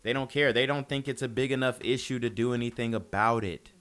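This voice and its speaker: A man's voice: medium pitch, fairly even intonation, fairly quick, a bit bright. A man hosting a casual opinion commentary, talking bluntly and emphatically in slang into a close mic. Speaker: commentary channel host.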